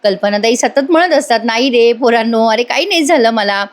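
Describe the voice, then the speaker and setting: High-voiced woman recapping a serial. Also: lively intonation, brisk. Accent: Marathi. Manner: chatty, addresses the viewers directly. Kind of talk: retelling a TV episode with voiced quotes.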